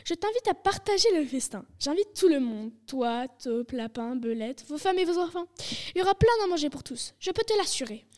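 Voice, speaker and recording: A woman voicing a clever, cheerful male fox father in a storybook reading, with a lifted, lively voice. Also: high voice, a little fast. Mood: generous cheer.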